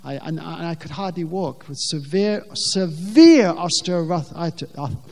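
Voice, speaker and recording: Brief: male preacher, high voice, emphatic, repeats words for weight, long hall echo. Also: lively intonation, takes it slowly, creaky, a little mellow. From England. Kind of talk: sermon. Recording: long reverb of a large hall.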